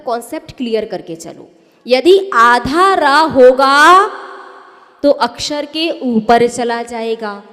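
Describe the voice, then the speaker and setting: Slow, high-voiced woman teaching. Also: a bit bright, big-room sound. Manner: rhetorical questions to listeners. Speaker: religious teacher. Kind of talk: explanatory lesson on recitation.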